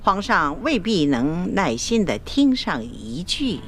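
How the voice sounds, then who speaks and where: Aged empress dowager, period court drama. Unhurried, shrewd, honeyed passive aggression, very expressive pitch. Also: female voice. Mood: plaintive, needling. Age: older. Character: shrewd elderly grand empress dowager, outwardly doting, veiled. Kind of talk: Chinese imperial costume drama acting.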